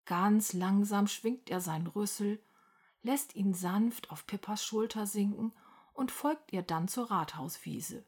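Breathy woman reading a children's story. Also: mid-range voice, takes it slowly. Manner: lively, expressive storytelling. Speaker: narrator. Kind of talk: children's story read-aloud.

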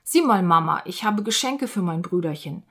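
A woman voicing an eager, sweet little boy mouse in a storybook reading, with a bright, excited childlike delivery. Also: on the low side, moderate pace.

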